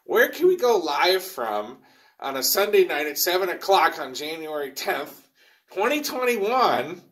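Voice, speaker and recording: A man's voice: fairly high pitch, big pitch swings, measured pace, a bit bright. Chatty man echoing in a cave. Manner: chatty and rambling, many fillers and restarts. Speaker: host and president of a rail education group. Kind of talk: casual live virtual presentation. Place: underground in a copper mine.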